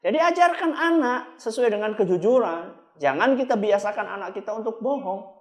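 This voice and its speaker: A man's voice: high voice, expressive, normal speed. Man, middle-aged, Islamic preacher, casual lecture, acts out dialogues. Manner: conversational, acts out family dialogues. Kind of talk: religious lecture on parenting.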